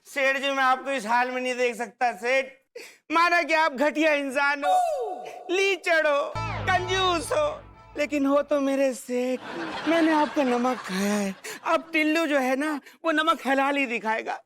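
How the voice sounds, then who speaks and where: An actor playing a humble servant who talks in a loud, dramatic, begging way in a TV sitcom. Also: male voice, measured pace, music in the background. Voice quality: high, bright voice. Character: humble male servant, theatrical and pleading. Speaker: servant pleading for forgiveness. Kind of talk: sitcom acting.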